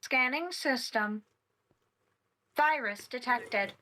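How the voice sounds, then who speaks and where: A woman voicing a glitching computer system that makes flat, robotic announcements and keeps repeating errors. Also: sits high, takes it slowly, noisy background. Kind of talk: fan roleplay game.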